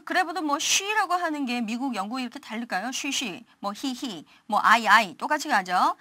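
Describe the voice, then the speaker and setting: Bright-voiced woman teaching a lesson. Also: a little high, dry recording. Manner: lively teaching with rhetorical questions; demonstrates English words in exaggerated pronunciation. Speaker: TOEIC listening instructor. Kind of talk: recorded online lecture.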